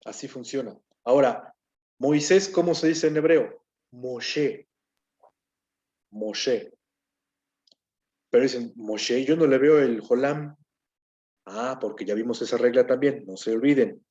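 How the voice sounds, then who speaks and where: A man's voice: mid-range voice, moderate pace, mellow, dull audio. A man teaching a grammar lesson, explaining step by step and often checking in with his listeners. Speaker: Hebrew teacher.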